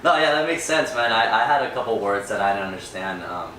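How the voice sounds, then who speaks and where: In a casual interview, a young Peruvian man who works in real estate tells his story earnestly and reflectively. His voice is fairly low yet bright, animated, fast and forceful. The recording is noisy and echoey, with him sitting far from the mic.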